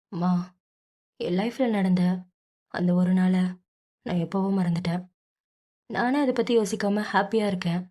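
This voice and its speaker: A woman's voice: mid-range voice, mellow, lightly acted. A woman voicing a young adult man who brushes off his mother's worry in a casual, breezy way.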